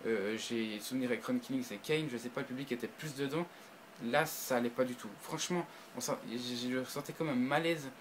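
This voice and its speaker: A man talks casually to his viewers in a review, his voice sitting at an ordinary middle pitch. He stumbles through restarts and fillers, then bursts into excitement. A faint noise runs underneath. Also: brisk, poor audio. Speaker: video reviewer. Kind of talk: casual spoken review to camera.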